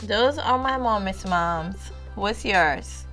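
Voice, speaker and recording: A woman's voice: mid-range voice, lively intonation, slow, loud music behind the voice. A woman in her thirties, a mother hosting a parenting vlog, telling family stories to viewers in a casual way and repeating her phrases.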